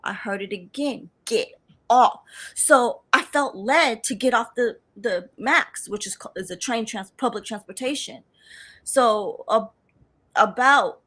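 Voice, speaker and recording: A woman in her thirties giving an earnest personal testimony, with halting restarts and her own inner thoughts spoken aloud. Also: mid-range voice, a bit bright. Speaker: survivor telling her story.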